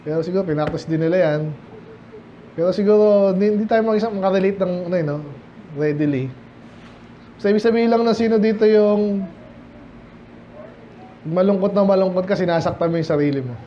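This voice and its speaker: Male pastor, Filipino accent, fairly high voice, verse-by-verse Bible teaching, slow English scripture reading, muffled recording with faint hiss. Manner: reads King James verses slowly in English, then explains in Taglish. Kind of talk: verse-by-verse Bible study preaching. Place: church sanctuary, indoors.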